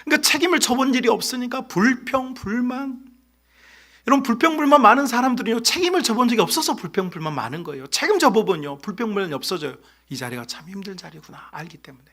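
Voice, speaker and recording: A middle-aged man preaching a sermon as pastor, telling a story with lively acted-out voices. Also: very high-pitched, fast talker. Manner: animated storytelling, acts out voices. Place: church sanctuary.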